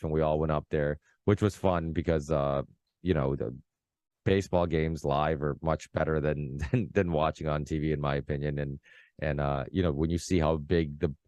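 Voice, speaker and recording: A man in his thirties from Massachusetts hosts a casual podcast chat, his voice very deep and low. He rambles excitably, stacking fillers and false starts. The sound is close and dry. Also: no room sound. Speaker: podcast host.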